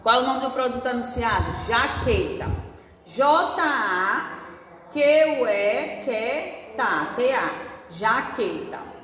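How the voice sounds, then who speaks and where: Slow, high-voiced woman teacher. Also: lively intonation, fairly bright tone. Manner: slow, sounding out letters and syllables patiently. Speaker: first-grade teacher. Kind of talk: recorded online class lesson. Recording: echoey room with faint noise.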